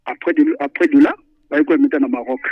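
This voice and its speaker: Over a tinny phone line, a radio listener calls in for an animated football chat full of hesitations and repeated words. He's a man with a slightly high voice who talks fast, and the recording itself is dry.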